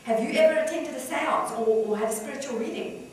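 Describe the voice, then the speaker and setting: A woman's voice: high voice, fairly quick, slight background noise, lightly acted. A woman doing a boastful chatty male psychic. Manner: rambling, self-important. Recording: echoey room, far from mic.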